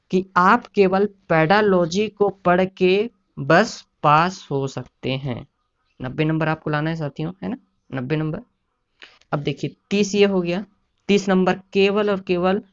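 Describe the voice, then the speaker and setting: Man teaching. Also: a little high. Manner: repetitive, keeps adding "है ना" and "साथियों". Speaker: exam prep teacher. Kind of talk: casual explanatory lecture. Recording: dull lo-fi sound.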